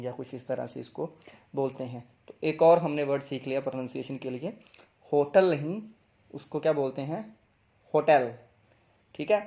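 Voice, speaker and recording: A man's voice: mid-range voice, mellow. A young man, teaching English pronunciation in a video lesson, explaining step by step and repeating each word twice. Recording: dull lo-fi sound.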